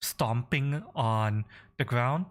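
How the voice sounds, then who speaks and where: A man running a tabletop game, improvising the narration and thinking aloud in a halting way. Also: mid-range voice. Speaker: game master.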